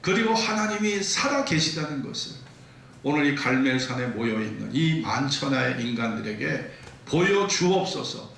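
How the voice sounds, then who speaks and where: A man acting out a desperate male prophet praying to God, in a raised, drawn-out pleading voice, heard in an echoey church hall. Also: medium pitch, very animated, gravelly, fairly bright tone, far from the mic. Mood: fervent pleading.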